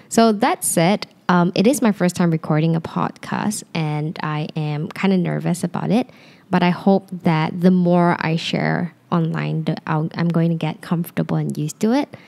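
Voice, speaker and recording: A young woman hosts a casual solo podcast from her living room sofa, recorded close on a handheld mic. Her Malaysian English accent leans slightly North American, and her slightly low, relaxed voice is gravelly. She speaks openly and confidingly, sometimes rambling.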